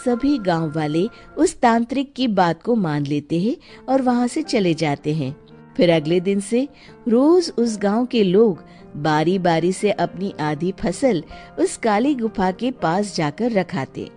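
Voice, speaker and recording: Woman storyteller: mid-pitched, expressive narration over soft music. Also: a little slow.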